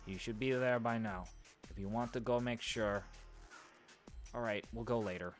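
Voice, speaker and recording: Over soft background music, a man plays a visual novel and voices all the characters' dialogue himself, shifting between put-on voices and occasionally hammy accents. He speaks at normal speed in a mid-range voice.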